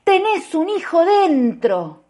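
Woman doing a preachy, insistent Argentine lady in an audiobook; high, urgent and pleading. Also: animated, measured pace, a little mellow. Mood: scolding. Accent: Argentine Spanish. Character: pious middle-aged woman, insistent, scolding.

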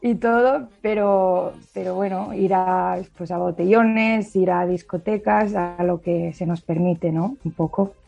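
A woman's voice: on the low side, steady tone, unhurried, creaky, hardly any pauses, mellow, faint music behind. Young woman on a dull remote line. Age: 20s. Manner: casual, frequent fillers. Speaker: guest, singer and sociologist. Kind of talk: remote radio interview. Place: Barcelona.

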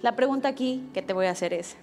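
High-voiced woman preaching over soft music. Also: quick pace. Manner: animated storytelling with acted quotes. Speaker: pastor. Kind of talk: sermon.

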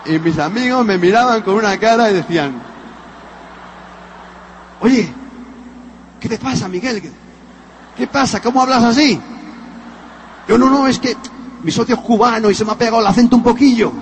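A man's voice: extremely high pitch, normal speed, long pauses, a little hiss or hum. A middle-aged man from Spain with a Spanish accent, giving a motivational talk as a story and acting out the dialogue to his audience. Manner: animated storyteller acting out dialogue, addressing listeners directly. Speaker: motivational speaker.

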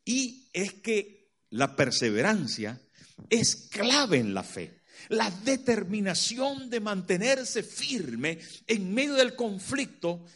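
A man's voice: high-pitched, very animated, slow pace, a bit bright, slightly rough. A man preaching a sermon, dramatic and full of rhetorical questions to the congregation.

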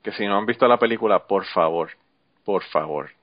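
A man's voice: on the low side, normal speed, no room sound, highs cut off. A man co-hosting a podcast in casual chat, telling stories with frequent swearing and laughter. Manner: profane, storytelling, laughs often.

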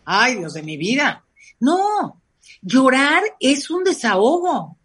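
Husky-voiced woman, parenting expert, lively and theatrical, slightly high pitch. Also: takes it slowly. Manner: animated, acts out little scenes with big pitch jumps. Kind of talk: conversational advice on a talk show.

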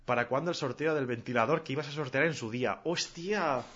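A man's voice: mid-range voice, fairly quick, a bit bright. A man from Mallorca hosting a live stream, chatting casually with slang and answering viewers' questions. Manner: casual, slangy, laughs a lot. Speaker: streamer host. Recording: dull lo-fi stream audio.

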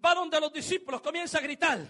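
A man preaching a dramatic sermon, acting out scenes and building to shouts. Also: very high-pitched, fairly even intonation, quick pace.

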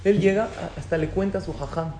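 A man's voice: high voice, fairly quick, dark tone, slight background noise. Man lecturing in an echoey room. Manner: storytelling, asks the audience questions. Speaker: rabbi lecturer. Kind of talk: religious talk to an audience. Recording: echoey room with faint ambience.

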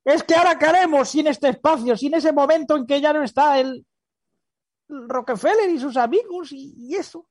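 A squeaky bearded puppet, manic. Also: male voice, normal speed, dry recording. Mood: mock grief. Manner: shrieks and shouts in bursts, goofy. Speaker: puppet co-host. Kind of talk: comedy puppet banter.

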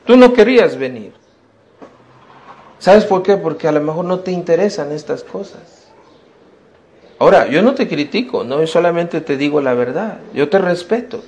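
Pastor, male, fairly high voice, emphatic sermon delivery with repeated rhetorical questions. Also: lively intonation, normal speed, pauses often, a little mellow. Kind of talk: sermon to youth. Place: church.

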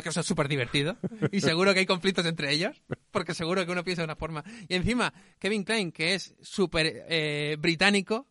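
A man co-hosting a casual film review chat. He talks quickly and acts out lines he quotes. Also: on the high side, fairly bright tone, dry recording, studio quality. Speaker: podcast co-host.

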